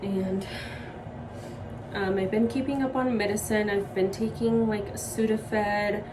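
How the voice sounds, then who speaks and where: A woman's voice: medium pitch, steady tone, takes it slowly, far from the mic, background noise. A young woman vlogging at home while sick, short of breath and with a sore throat, rambling casually with lots of "like" and "um". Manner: rambling, heavy use of "like" and "um". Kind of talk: casual chat to camera.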